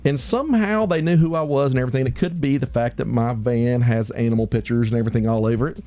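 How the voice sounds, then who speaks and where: Animated male guest telling a story. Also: medium pitch, fast, faint music behind. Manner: animated, acts out the voices in his stories. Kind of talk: casual storytelling.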